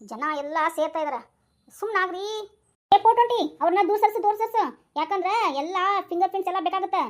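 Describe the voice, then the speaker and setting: A woman's voice: very high voice, lively intonation, quick pace, a little mellow. A woman playing a bossy male police inspector in a comic skit, speaking with a North Karnataka Kannada accent and scolding his constable.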